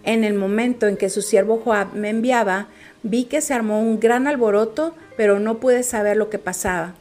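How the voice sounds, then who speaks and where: A woman's voice: medium pitch, normal speed, a little mellow, faint music behind, natural voice. A woman reading the part of an eager, respectful young male messenger. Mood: earnest.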